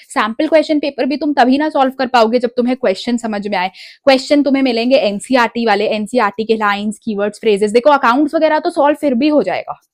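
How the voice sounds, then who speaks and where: High-voiced young woman coaching exam students. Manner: direct, insistent, mixes English phrases into Hindi. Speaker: educational YouTuber. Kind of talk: exam strategy talk to students.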